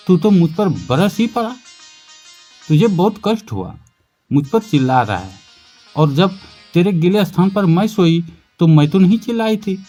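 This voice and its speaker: Loving, patient aging mother, voiced by a male storyteller, soft delivery, faint music bed. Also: on the high side. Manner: soft, tender.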